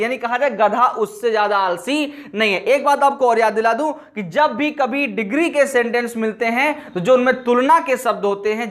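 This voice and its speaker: Teacher, male, high-pitched, repetitive question-and-answer lesson delivery. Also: fairly bright tone. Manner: asks questions and answers them himself, repeating key points. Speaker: English grammar teacher. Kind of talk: classroom lesson explaining grammar.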